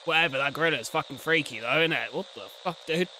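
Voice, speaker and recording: Fast, pushed and bright, a young man's high-leaning voice carries his slangy reaction commentary, peppered with blunt swearing and muttered asides. He's a reaction video host recording at home on a close desk condenser mic with a headset; the low-quality recording has slight background noise.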